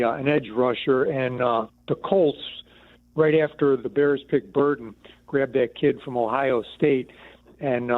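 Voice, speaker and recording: A man's voice: medium pitch, no room sound. A man calling in to a sports radio show, asking a question with lots of hesitant fillers. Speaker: caller. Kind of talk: call-in question. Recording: tinny phone line.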